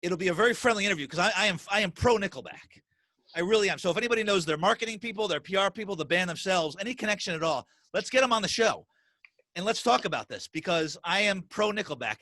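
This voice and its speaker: A man's voice: sits high, expressive, fast, bright, forceful tone, no room sound. A middle-aged man hosting a podcast, chatting casually and animatedly, with lots of restarts and repeated words. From US Northeast. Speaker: podcast host. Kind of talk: casual interview chat.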